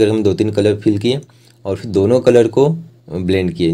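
A young man's very mellow, lowish voice guides an art lesson one step at a time. The instructional voice-over is plain and explanatory, with the odd mid-sentence pause as he reaches for the next word.

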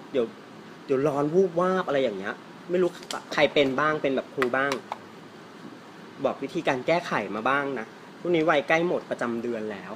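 A man teaching English pronunciation in a casual, playful way, teasing his viewers and stretching out example words slowly. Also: medium pitch, a little hiss or hum.

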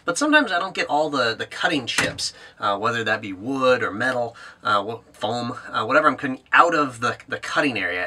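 A man's voice: medium pitch, bright, forceful tone. A man in his thirties casually explaining a build in a small home workshop, talking to a camera with lots of "uh" fillers. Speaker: maker vlogger. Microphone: camera on a tripod, then handheld.

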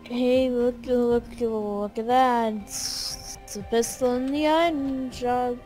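Playful gal joking around mid-game, kinda high voice, bit of music under it. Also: female voice, steady tone, takes it slowly, dark tone. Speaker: gaming friend. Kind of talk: casual gaming chat.

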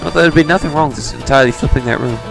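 A let's player mutters casual, sarcastic commentary to himself while playing a video game, with game music underneath. His voice is a little high and creaky, and he talks at a racing pace.

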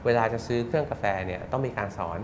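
A man's voice: medium pitch, expressive, noisy background. A man in his thirties, a business guest in a studio interview, explaining at length and acting out what customers say, on a lapel mic. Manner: fast, explanatory, acts out customer quotes. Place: bright TV studio set.

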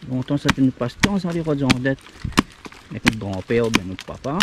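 A middle-aged man with a Réunionese French accent, casually narrating as he digs larvae from rotten wood in a forest, then fries them at home, explaining in a plain, halting way. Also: mid-range voice, animated, heavy background noise. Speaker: outdoor video host. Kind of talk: casual narration while foraging and cooking.

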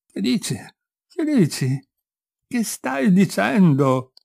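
A man voicing a doting, weak-willed father who speaks softly and then trembles and shouts in a story reading. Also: high voice, very animated, slow, gravelly, slightly rough, dry recording, clean studio sound, voice pushed up, heavily acted. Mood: stunned. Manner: soft and pleading, then shouting. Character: doting middle-aged father, weak and shaken.

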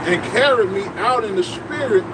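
A man in his forties reading scripture slowly and formally aloud on a city sidewalk at night. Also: high voice, expressive. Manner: slow, formal reading of verses. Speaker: scripture reader. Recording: distant voice, loud traffic noise.

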